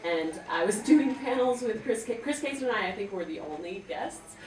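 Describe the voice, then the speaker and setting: On a convention panel, a woman who is a voice actress and singer chats casually in a bubbly way, saying "like" often and laughing between words. Her medium-pitched voice has lively intonation, a moderate pace, and a darkish tone. The recording is noisy, with an echoey hall and a distant mic.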